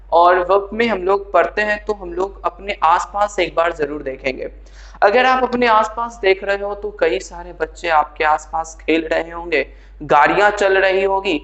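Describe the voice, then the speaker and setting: Male English tutor, high-pitched, friendly classroom delivery, roomy echo. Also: a bit bright, lo-fi sound. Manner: chatty teacher addressing students as friends. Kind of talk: casual classroom explanation.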